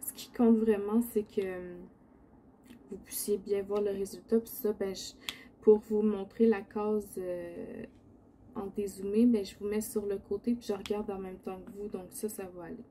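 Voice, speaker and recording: A woman's voice: medium pitch, flat delivery, moderate pace, warm tone, slight background noise. A woman with a Quebec French accent chats casually while crafting, rambling a little in a sleepy morning voice. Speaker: diamond painting video host. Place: indoor home craft setup.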